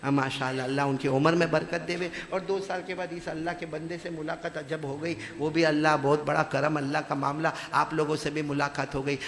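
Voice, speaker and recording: With a fairly high voice and few pauses, a man preaches passionately to a gathering in a big-sounding room. He moves between loud chanting and calm talk, calling on the crowd to answer back.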